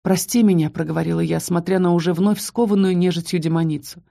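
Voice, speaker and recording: A woman's voice: on the low side, steady tone, quick pace, vocal fry, mellow. A woman reading a first-person fantasy novel aloud with dramatic storytelling. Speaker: audiobook narrator. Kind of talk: first-person audiobook narration.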